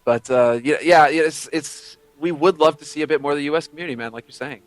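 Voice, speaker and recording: A man's voice: on the high side, quick pace, no echo, rough recording. A young man co-casting a game tournament live, laid-back and joking. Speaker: esports co-caster. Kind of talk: casual live game commentary.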